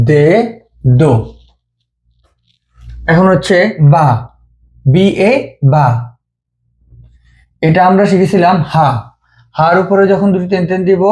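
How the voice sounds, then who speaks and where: Guy teaching japanese letters, mellow voice, slow and patient, repeats every sound. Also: sits high. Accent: Bengali. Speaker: language teacher. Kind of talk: step-by-step script lesson.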